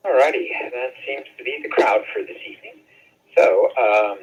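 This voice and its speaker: A man running an amateur radio net, reading the script haltingly with fillers and self-corrections, heard over a two-way radio with static. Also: mid-range voice, breathy edge. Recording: narrow-band radio transmission.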